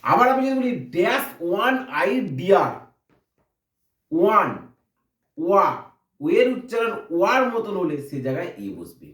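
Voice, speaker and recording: A man gives a grammar lesson in a high voice that rises and falls a lot. He explains step by step, posing questions and then answering them. He sounds a little distant, in a room with a noticeable echo. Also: big pitch swings, fairly quick, few pauses, fairly bright tone. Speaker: English grammar teacher.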